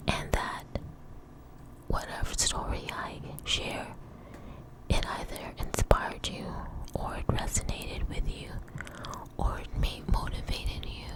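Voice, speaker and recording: A woman whispering very close to the mic in an ASMR style, breathy with soft mouth sounds, rambling gently and reassuringly. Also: rough recording. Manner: slow, unstructured, reassuring. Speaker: ASMR video host.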